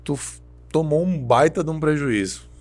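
A man's voice: fairly high pitch, animated, moderate pace, a little mellow, faint music behind. A man hosting an interview, answering with short acknowledgments and asking probing follow-up questions. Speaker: podcast host. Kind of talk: interview conversation.

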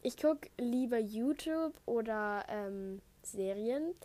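Her voice a little high, slow, expressive and dark in tone, a thirteen-and-a-half-year-old girl from Saxony, Germany casually answers listener questions on her podcast. Construction noise comes from outside her home as she talks into an Apple headset, rambling off topic with many fillers.

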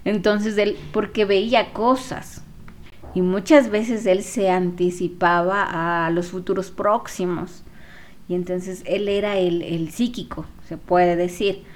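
A woman with a voice of middle pitch tells her viewers a personal story in a casual, unhurried tone. She pauses often, with fillers and self-corrections, as if chatting with her audience. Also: steady tone. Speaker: spiritual therapist.

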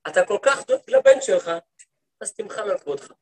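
A rabbi with a fairly high voice gives a lecture to a women's study group. He tells stories in a lively way, acting out what the people in them say. He often turns to his listeners with questions.

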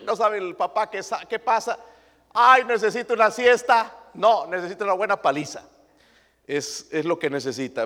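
A man's voice: high voice, long reverb tail. A male pastor preaching a sermon emphatically, throwing rhetorical questions at his congregation.

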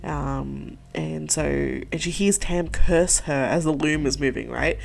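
A woman's voice: sits low, takes it slowly, vocal fry, a little mellow, a little hiss or hum. A woman podcast host retelling a folktale in a chatty, profane way, full of "like" and side remarks. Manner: profane, chatty, many likes and asides. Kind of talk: casual storytelling.

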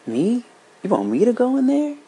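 A man voicing a jumpy young boy with a high, insistent voice. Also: measured pace, darkish tone, breathy edge. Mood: frightened. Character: scared excitable young Southern boy.

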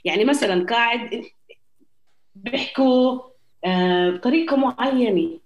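A woman's voice: a little high, moderate pace, dull audio. A young woman with a Palestinian Arabic accent talks casually and personally as an interview guest. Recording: roomy echo.

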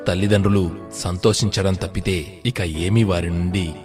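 A man narrating a moral children's story in a measured, scripted storytelling manner. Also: low voice, steady tone, music in the background.

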